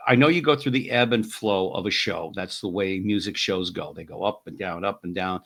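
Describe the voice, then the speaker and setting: A man's voice: sits low, a little fast, fairly bright tone. A man hosting a podcast interview, asking long, rambling questions with many restarts. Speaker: podcast host. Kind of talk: casual interview chat.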